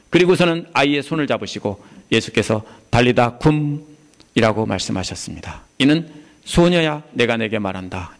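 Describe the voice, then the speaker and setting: Animated middle-aged Korean pastor preaching. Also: male voice, mid-range voice. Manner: expository preaching that bursts into acted-out quotations. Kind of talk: sermon.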